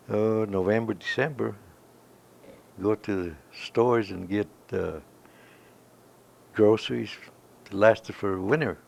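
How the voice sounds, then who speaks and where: Older man with a gravelly voice. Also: fairly low pitch, darkish tone. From Kansas. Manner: rambling, emphatic storytelling with many "you know". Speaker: veteran interviewee. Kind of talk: oral history recollection.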